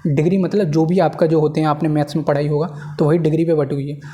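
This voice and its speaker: This man talks fast with a flat delivery, his voice a little high and dark-toned. He's a teacher preparing students for exams, lecturing informally at a board, repeating key points and checking understanding with tag phrases.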